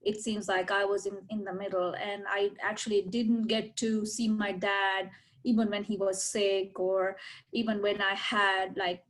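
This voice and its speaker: A woman from Sri Lanka shares her story as a panel guest. She speaks slowly and hesitantly, filling gaps with many fillers. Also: mid-range voice, poor audio. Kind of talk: personal testimony.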